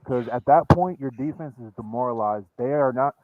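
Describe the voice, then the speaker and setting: A man calling into a sports livestream on a muffled, quiet mic, earnestly reasoning through a play call in casual debate. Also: normal speed, a little hiss or hum. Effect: muffled, quiet mic with dull bass-heavy sound.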